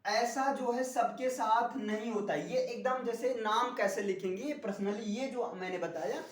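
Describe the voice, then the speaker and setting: A man's voice: very high-pitched, a little slow. A man teaching a classroom spelling lesson, drilling his students with repeated questions. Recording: echoey room, voice from far off.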